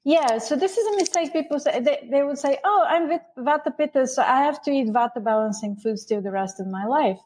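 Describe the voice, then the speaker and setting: A woman from Bulgaria talks as a guest in an interview, explaining at length. Her voice sits fairly high. She restarts phrases often and keeps an eager, animated flow. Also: a little fast, few pauses. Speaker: guest, Ayurveda author. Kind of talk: interview conversation.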